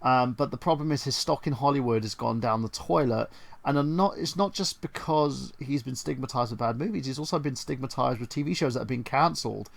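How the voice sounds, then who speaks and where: A man taking part in a casual film chat, his voice gravelly with a lot of fry. He talks in a measured way, laying out his points one by one. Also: medium pitch. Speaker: co-host.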